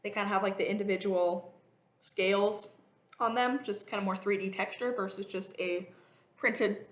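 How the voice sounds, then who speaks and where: A woman's voice: mid-range voice, steady tone, normal speed. A young woman who performs as a mermaid, chatting casually in a vlog, rambling with lots of fillers and restarts. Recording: echoey room.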